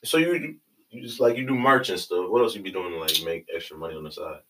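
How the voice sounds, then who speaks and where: A man's voice: deep voice, quick pace, recorded from a distance, background noise. A man casually interviewing someone in slangy, encouraging bro talk. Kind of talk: casual chat.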